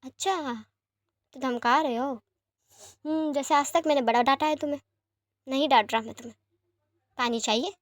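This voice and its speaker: A woman's voice: sits high, no room sound, close to an everyday voice. A woman voicing a doting, teasing young man who speaks fondly and reassuringly, in a fan-fiction story reading. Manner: fond and reassuring, sometimes quick.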